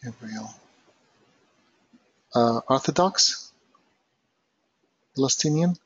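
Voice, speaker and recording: Husky middle-aged man. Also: medium pitch, lively intonation, extremely slow, dry recording. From northern Iraq. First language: Aramaic. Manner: chatty, hesitant, many fillers. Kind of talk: casual chat. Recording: dull lo-fi dry recording.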